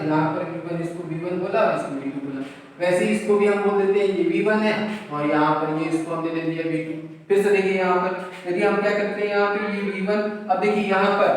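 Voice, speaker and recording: A man gives a classroom physics lecture, his high voice bouncing around a large, very echoey room. He sounds far from the mic, with faint noise behind him. He keeps asking questions and answering them himself, repeating the key terms. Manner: mixes in English words and numbers. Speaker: physics teacher.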